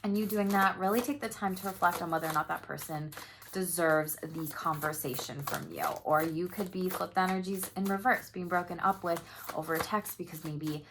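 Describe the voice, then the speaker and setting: A woman's voice: lowish voice, fairly even intonation, normal speed, noisy background. A young adult woman giving a casual tarot reading to camera, chatty and upbeat, swearing easily and laughing often. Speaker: tarot reader.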